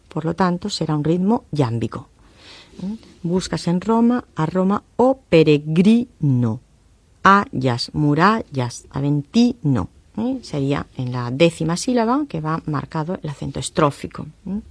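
A woman lecturer explaining text analysis in a measured way, often pausing with "eh" and tag questions. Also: low-pitched, vocal fry, a little mellow, husky, no echo. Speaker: university lecturer.

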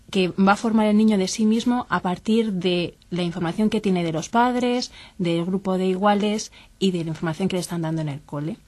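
A woman's voice: mid-range voice, darkish tone, no room sound. Woman explaining with everyday examples. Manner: explains with everyday examples, acting out parent and child. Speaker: guest expert. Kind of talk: explanatory talk on child development.

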